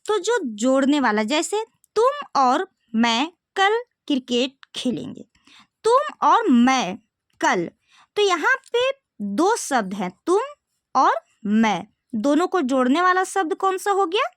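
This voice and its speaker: High, lively woman teaching grammar. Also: slow pace, no echo, studio quality. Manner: explains step by step, asks rhetorical questions to students. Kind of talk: classroom-style video lesson.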